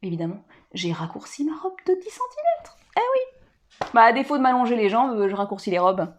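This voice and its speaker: A woman's voice: fairly high pitch, sing-song, a little fast. A woman sewing vlogger in casual, chatty talk, with many fillers and asides. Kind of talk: casual chat.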